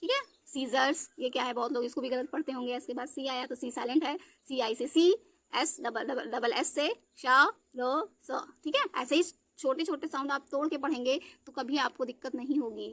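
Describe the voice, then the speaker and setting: A woman teaching a spelling lesson, her voice high and bright. She breaks each word into letters and often stops to check her students are with her. The sound is close and dry. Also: normal speed, no room sound. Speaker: English teacher.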